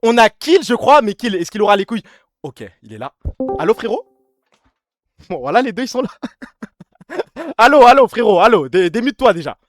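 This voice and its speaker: A man's voice: sits high, very animated, moderate pace, long pauses, dry recording, soft background music. A man streaming live, chatting loosely with his chat and callers, mocking and swearing freely. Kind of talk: casual livestream chat.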